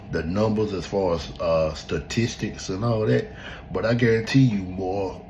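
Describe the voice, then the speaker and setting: A man with a very low, deep voice hosts a podcast and talks straight to his listeners. He speaks bluntly and with emphasis, swearing now and then in loose, unscripted commentary. A faint hiss sits behind the voice. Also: darkish tone, rough recording. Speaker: podcast host. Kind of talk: casual opinion commentary. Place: at home in front of a laptop.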